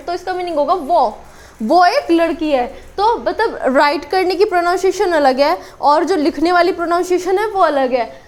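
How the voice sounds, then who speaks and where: ऊँची आवाज़ वाली महिला शिक्षक. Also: female voice, extremely high pitch, a little mellow. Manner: explains slowly, repeats words with many fillers. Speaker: English teacher. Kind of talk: casual spoken lesson. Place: small room with a board. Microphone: camera on a tripod.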